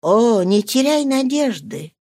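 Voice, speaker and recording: A woman voicing an old female servant, speaking low, soft and slow in a soothing way. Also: big pitch swings, no room sound, clean studio sound, exaggerated voice. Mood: consoling.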